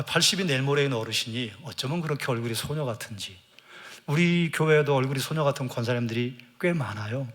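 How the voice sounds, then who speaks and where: A man's voice: medium pitch, a bit bright. A male pastor from South Korea preaching a Sunday sermon. He has the congregation repeat phrases after him, asks rhetorical questions and answers them himself, and briefly acts out quoted lines.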